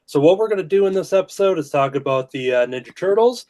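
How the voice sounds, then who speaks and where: A man hosting a casual drawing show, talking in a relaxed way with frequent "uh" fillers. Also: high-pitched, fast. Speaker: host. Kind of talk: casual video-call chat while drawing.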